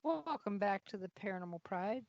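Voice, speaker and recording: A woman's voice: mid-range voice, expressive, fairly quick, creaky, a little mellow, dry recording. A woman hosting a radio talk show in a casual, chatty way. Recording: dry but dull lo-fi audio.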